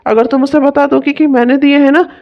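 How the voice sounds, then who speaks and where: A woman's voice: sits high, fairly even intonation, fairly quick, vocal fry, muffled recording. A woman voicing a generous, protective elder brother-in-law in a cartoon, speaking in a coaxing, affectionate way. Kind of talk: cartoon voice acting.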